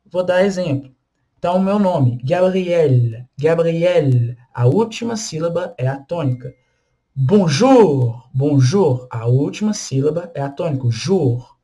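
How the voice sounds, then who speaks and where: A man's voice: high-pitched, darkish tone. Brazilian man teaching French pronunciation. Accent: Brazilian Portuguese. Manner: explains patiently, checks in with tag questions. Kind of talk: online pronunciation lesson. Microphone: screen-share voice-over.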